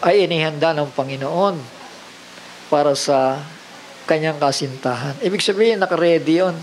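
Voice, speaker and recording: A man's voice: fairly high pitch, normal speed, noisy background. A man preaching a sermon, mixing in English phrases and often asking the congregation rhetorical questions.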